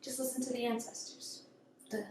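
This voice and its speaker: A woman's voice: a little high, level tone, fairly quick, a little mellow, slight background noise. Bubbly young woman vlogging in an echoey room. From Jamaica. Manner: bubbly, jokey, laughs often. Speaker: cooking vlogger. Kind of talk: casual cooking vlog chat.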